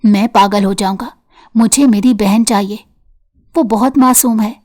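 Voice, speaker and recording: A woman's voice: mid-range voice, steady tone, darkish tone, lightly acted. A woman voicing an angry, desperate young man who has kidnapped a girl and talks in a harsh, threatening way.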